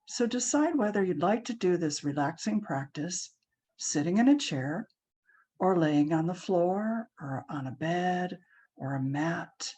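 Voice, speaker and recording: Woman meditation guide, low pitch, unhurried calm delivery. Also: slightly rough. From Hawaii. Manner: slow, soft and soothing, with frequent ums. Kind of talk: guided relaxation class.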